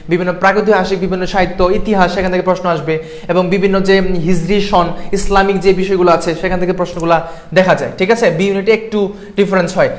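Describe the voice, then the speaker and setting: A young man from Bangladesh tutoring students in a live online class, asking them questions and checking in with them often. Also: high-pitched. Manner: quick, keeps checking in with the class. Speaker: admission exam tutor.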